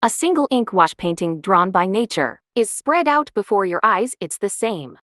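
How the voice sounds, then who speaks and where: Calm woman narrating a winter hike. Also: medium pitch, moderate pace, no room sound, studio quality. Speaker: travel vlogger. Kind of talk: scripted travel narration.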